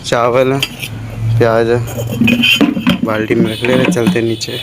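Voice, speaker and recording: Outdoors on a rooftop, a man vlogs in a chatty, relaxed way, addressing viewers as "guys" while giving them a tour. He speaks in a level, unhurried, mid-range voice, and traffic passes in the outdoor background.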